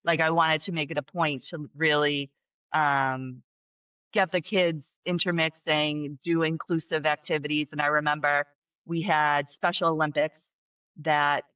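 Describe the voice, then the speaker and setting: A woman's voice: low-pitched, unhurried, clean tone, no echo. A woman, a special education teacher chatting as a podcast guest, with lots of fillers and restarts. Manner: chatty, many fillers and restarts, bursts of excitement. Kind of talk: casual interview conversation. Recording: dull, muffled sound.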